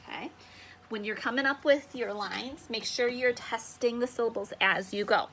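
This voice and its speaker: A young woman teaching a remote lesson to children, upbeat and encouraging, slowing down to sound out syllables. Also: fairly high pitch, fairly bright tone, slight background noise. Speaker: elementary school teacher.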